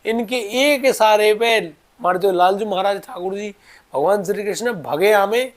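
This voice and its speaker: A man narrating a devotional story, moving between hushed and raised delivery. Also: high voice, unhurried.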